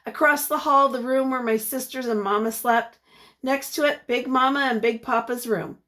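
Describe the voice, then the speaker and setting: In a high voice, a woman reads a picture book aloud in a teacher's manner. She's expressive and encouraging, pausing to put questions to the little ones.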